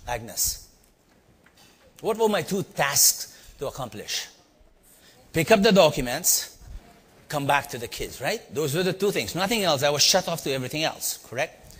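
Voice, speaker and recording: Speaking to a live audience, a middle-aged Indian-accented storytelling teacher shares a personal tale, dramatizing his exclamations and posing questions to listeners. His voice is a little high and a bit bright with a breathy edge, echoing with a hall's long reverb.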